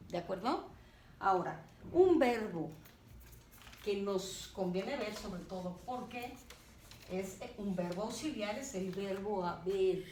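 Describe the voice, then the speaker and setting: A woman teacher gives a grammar lesson, talking slowly and deliberately and checking in with her students as she goes. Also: medium pitch, a little mellow. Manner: slow and deliberate, checking in with "¿de acuerdo?". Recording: roomy, distant, faint background noise.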